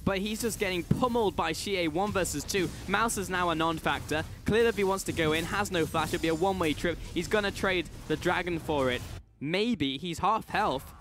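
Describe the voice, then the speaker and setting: Male esports caster, high voice, excitable live play-by-play over a clear music bed. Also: moderate pace, few pauses. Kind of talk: live game commentary.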